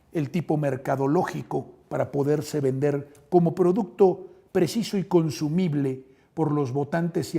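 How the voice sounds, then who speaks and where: A Mexican man delivers combative political commentary with a heavily gravelly, husky voice. His tone is dark but a touch higher than most men's, and he jabs at his targets with open sarcasm, addressing them head-on. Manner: sarcastic, addresses opponents directly.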